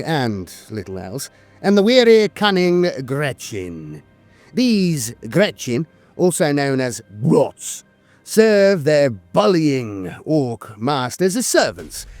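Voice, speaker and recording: A man reads scripted fantasy war lore as a narrator, his slightly high voice theatrical and deliberate, broken by pauses and hesitant filler sounds. Music plays in the background.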